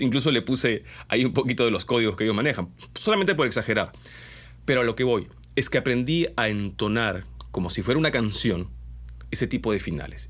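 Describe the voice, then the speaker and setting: A Peruvian man who works as a voice-over announcer, explaining to his viewers in an animated teaching tone, his Peruvian accent somewhat mixed, often ending points with a question. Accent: Peruvian Spanish, mixed. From Peru. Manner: animated, pitch jumping up on key points; explanatory, with frequent tag questions. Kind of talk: instructional talk to viewers.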